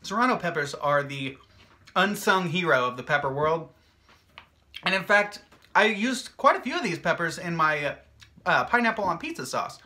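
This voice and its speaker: A young man talks straight to his viewers in a loose, joking vlog style. He rambles cheerfully and fills his talk with "uh" and "like". His voice has a bright, forward edge. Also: on the high side, sing-song, moderate pace. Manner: upbeat, jokey and rambling, with many fillers. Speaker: hot sauce maker and video host. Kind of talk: casual chatty vlog.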